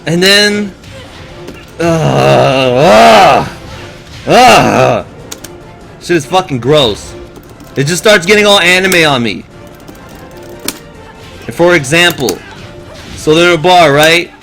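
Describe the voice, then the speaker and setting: A high-pitched man rants to his stream in a bright, sharp voice, swearing freely and sounding fed up. He tells his story in an animated way, and faint music plays behind him. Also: a little slow, pauses often. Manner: profane, exasperated, animated storytelling. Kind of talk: casual rant to a live stream.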